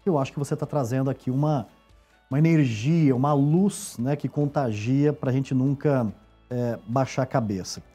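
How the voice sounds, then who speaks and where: A man's voice: mid-range voice, moderate pace, mellow, husky, faint music behind. A man hosting an interview, asking questions in an encouraging, affirming way. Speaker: interview host. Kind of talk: conversational interview.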